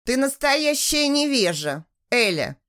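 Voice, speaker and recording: A woman's voice: high voice, very animated, takes it slowly, a bit bright, clean tone, voice pushed up, heavily acted. A woman reading a cold, curt male restaurant manager. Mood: angry. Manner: cold and clipped.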